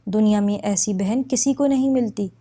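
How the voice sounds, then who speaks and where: A woman's voice: mid-range voice, mellow, natural voice. A woman voicing a middle-aged mother who speaks tenderly to her children. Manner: tender, affectionate.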